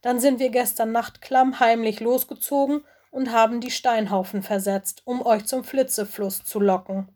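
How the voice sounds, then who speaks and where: A woman's voice: on the high side, steady tone, moderate pace, few pauses, darkish tone, natural voice. A woman voicing a young male ice wolf, usually cocky, now stammering and sobbing as he pleads. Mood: tearful pleading.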